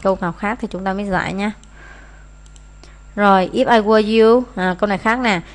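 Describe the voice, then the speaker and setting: A woman's voice: mid-range voice, steady tone, fairly quick. A Vietnamese-speaking woman teacher walking through exam answers, reading English phrases aloud with frequent hesitant fillers.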